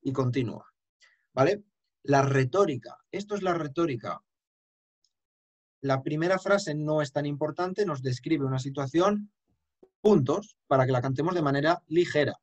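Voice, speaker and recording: A man's voice: a little high, moderate pace, muffled recording. A man giving an emphatic, explanatory lesson on chant and singing short examples. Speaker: chant teacher. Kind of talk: lecture with sung examples.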